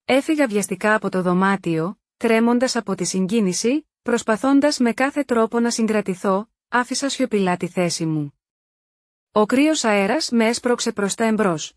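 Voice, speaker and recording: A woman narrating a first-person drama story in an even, steady read. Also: fairly high pitch, dry recording, studio quality.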